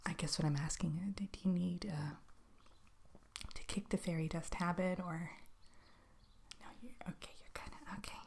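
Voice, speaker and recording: A woman in a whispered role-play, playing a chatty, polite fairy tale interviewer with a hesitant, conversational, softly questioning manner. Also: fairly low pitch, fairly even intonation, moderate pace, pauses often, slight background noise. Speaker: ASMR role-play performer.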